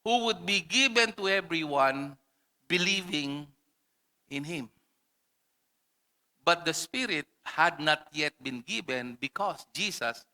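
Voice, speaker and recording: A man's voice: on the high side, bright, forceful tone. A man preaching an impassioned sermon as a pastor, switching between languages. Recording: reverberant hall.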